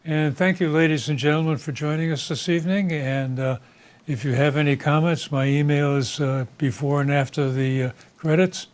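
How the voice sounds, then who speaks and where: A man hosting a local talk show, speaking in an unscripted, conversational and somewhat halting way. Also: on the high side, steady tone.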